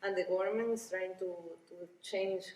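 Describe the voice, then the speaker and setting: A woman from Rica, a Spanish speaker, answering interview questions in a halting way with many restarts and small laughs. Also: medium pitch, fairly even intonation, darkish tone. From Costa Rica. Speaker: violinist and ethnomusicology researcher. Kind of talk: conference interview. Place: busy conference venue. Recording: roomy, distant, with busy crowd murmur.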